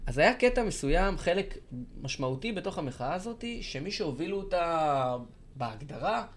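A man's voice: fairly high pitch, big pitch swings, slight background noise. A man co-hosting a podcast, steering the talk and building his points step by step. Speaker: podcast co-host. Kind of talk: casual chat.

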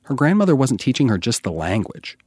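A male radio reporter with a very lively, mid-pitched delivery. He reads scripted feature narration in a dry, close-sounding space. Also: a little fast, breathy edge, no echo.

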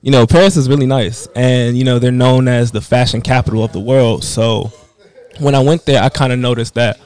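A man's voice: mid-range voice, steady tone, brisk, a little mellow. A young man from the Washington DC area, a fashion designer, talking easygoing with lots of "you know". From Washington DC area, United States. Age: young adult. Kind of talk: casual interview answers.

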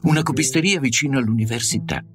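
A man's voice: mid-range voice, fast talker. A man narrating a short story with a wry, ironic manner. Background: guitar music.

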